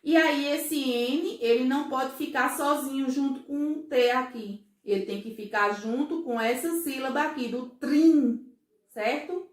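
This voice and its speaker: A woman teaching a first-grade class, explaining slowly and patiently, often checking that the children follow. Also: high voice, reverberant. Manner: slow, patient, syllable-by-syllable explaining; frequent checking questions to pupils. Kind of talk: recorded remote class for children.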